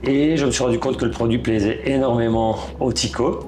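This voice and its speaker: A man's voice: medium pitch, steady tone, a little fast, a little mellow, faint music behind. A Belgian man in his thirties with a Belgian French accent, talking casually as an interview guest, often restarting his sentences. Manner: hesitant, many restarts. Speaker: guest, real estate broker.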